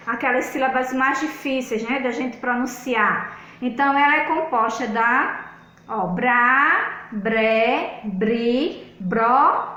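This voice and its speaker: A woman's voice: sits high, sharp tone, reverberant, rough recording. A woman with a Brazilian Portuguese accent, teaching a recorded video lesson and patiently walking pupils through a worksheet. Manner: patient, slow and explanatory, with many spoken fillers. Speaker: schoolteacher.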